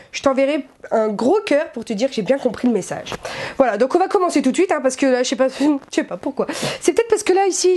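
A woman vlogging at home in a chatty, excitable way, full of fillers and self-mocking asides, speaking to a camera set back from her. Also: high-pitched. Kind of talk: casual haul vlog.

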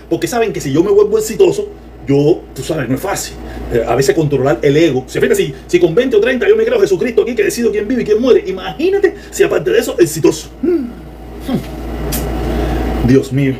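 Sarcastic fast-talking Cuban man. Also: on the high side, a little hiss or hum. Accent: Cuban Spanish. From Cuba. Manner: sarcastic, ironic, animated. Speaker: political commentator reading viewer comments. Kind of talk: casual livestream commentary.

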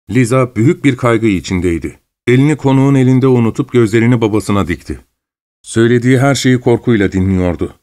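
A male voice actor reads a novel aloud, measured and expressive. His voice sits at an average pitch for a man. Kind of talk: audiobook narration.

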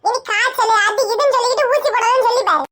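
Bossy, taunting young husband with a Kanyakumari Tamil accent, voiced by a woman, high and quick. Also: steady tone, very noisy. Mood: arguing. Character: hot-tempered young husband.

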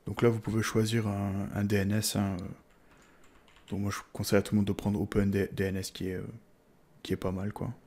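Hesitant low-voiced French man. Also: completely flat delivery, fairly quick, a little mellow. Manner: hesitant, many "euh" fillers and repeated words. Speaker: tech tutorial host. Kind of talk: casual screen-recorded tutorial.

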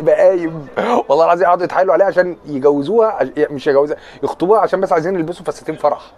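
A man's voice: on the high side, a little mellow, slight background noise. A young man with an Egyptian accent chatting on a casual live stream, answering viewer comments in a joking, teasing way. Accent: Egyptian Arabic.

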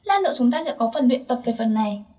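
High-voiced young woman teaching grammar. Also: very animated, fast talker, warm tone, distant mic. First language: Vietnamese. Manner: patient, checks in with listeners often. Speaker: Korean language teacher. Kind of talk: explaining grammar step by step.

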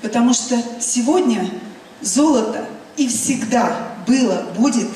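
A middle-aged woman giving an emphatic presentation speech on a large stage, in short phrases with pauses. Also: on the high side, animated, warm tone. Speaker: company cosmetics director presenting. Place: large event hall stage. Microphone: handheld mic through PA, recorded from the audience. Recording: echoey hall PA, noisy, from far off.

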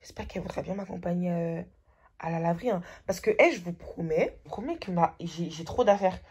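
A woman's voice: on the low side, expressive, a little fast, darkish tone, breathy edge. A young woman chatting to her phone camera in a rambling vlog, full of fillers. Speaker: vlogger. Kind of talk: casual chat to camera. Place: at home, late at night.

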